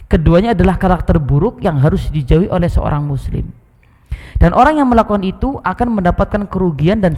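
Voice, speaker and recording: A male Islamic teacher leads an evening study circle in a mosque. He talks in a conversational way, coaxing and gently teasing his listeners, and his voice sits a touch higher than most men's. A long reverb from the prayer hall trails after each phrase. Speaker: Islamic teacher giving a Quran commentary class.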